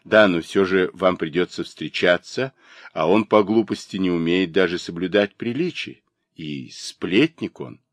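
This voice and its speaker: A man's voice: deep voice, unhurried, dry recording. A man voicing a mocking young lady. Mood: sharp, mocking. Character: proud, mocking young woman of the gentry.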